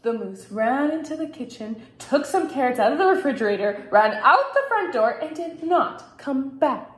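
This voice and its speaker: A woman teacher reading a picture book aloud for her class, in an expressive storytelling manner with lively sound effects. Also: sits high, normal speed. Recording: roomy echo.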